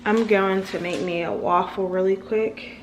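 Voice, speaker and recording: A woman's voice: mid-range voice, fairly even intonation, measured pace, background noise. A young American woman chatting informally to the camera, using slang and repeating phrases for emphasis. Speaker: vlogger. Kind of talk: casual chat to the camera.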